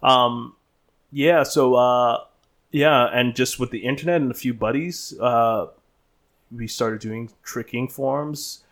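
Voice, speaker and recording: A man in his thirties who grew up in the Bahamas, chatting as an interview guest. His voice sits in an ordinary middle register, and he rambles easily, often restarting sentences and filling pauses. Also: medium pitch. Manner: relaxed, rambling, many restarts and fillers. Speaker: guest, stunt performer. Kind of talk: casual interview storytelling.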